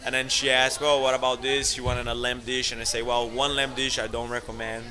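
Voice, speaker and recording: Over a noisy crowd, a man in his thirties from Italy talks briskly in a mid-range voice with an Italian accent. He's a restaurateur appearing as a guest in a casual interview, storytelling with animation, frequent laughter, and acted-out voices for those he quotes.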